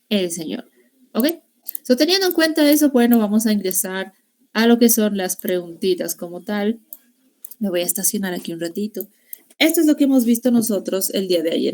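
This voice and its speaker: Young woman teaching english on a video call, with english bits thrown in, warm and encouraging. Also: mid-range voice, gravelly. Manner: explains grammar in Spanish mixing English classroom phrases. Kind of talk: online class lecture.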